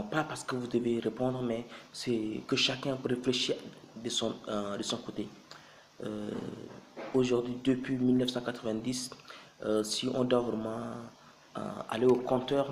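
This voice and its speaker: In a roomy, echoing recording with light background noise, a man speaks. He addresses the public informally as a political commentator. His delivery is halting and built on repeated rhetorical questions, in a medium-pitched voice.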